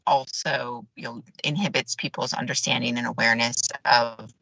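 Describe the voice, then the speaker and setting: A woman's voice: very deep voice, fairly even intonation, moderate pace, gravelly, sharp tone, low-quality recording. A woman clinician on a video call from a parking lot, her choppy audio cutting out as she talks with hesitant restarts. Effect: choppy audio cutting out on a weak call connection. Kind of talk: virtual meeting discussion. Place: parked car lot between patient visits. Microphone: video call on a phone or laptop.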